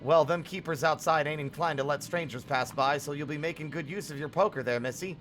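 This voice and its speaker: A man voicing a gruff, rustic male bug villager in a video game, talking in a blunt folksy dialect. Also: fairly high pitch, brisk, fairly bright tone, lightly acted. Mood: grumbling. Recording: game music behind.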